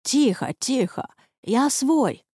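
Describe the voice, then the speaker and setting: In an audiobook reading, a woman voices a sly male cat who talks, her delivery coaxing and hushed. It's a full character voice pitched above her natural one: high, with big pitch swings, slow, and slightly rough. The recording is dry with clean studio sound.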